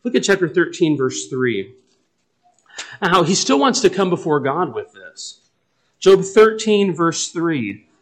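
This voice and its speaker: A man's voice: a little high, sing-song, slow. A man preaching a sermon, earnest and often stopping to repeat his words as he works through scripture. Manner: earnest, restarts and repeats words, dramatic paraphrase.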